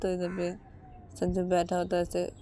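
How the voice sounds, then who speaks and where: A woman's voice: on the low side, monotone, moderate pace, warm tone, a little hiss or hum. A woman narrating a romantic story in a casual, repetitive way, chaining events together with filler links.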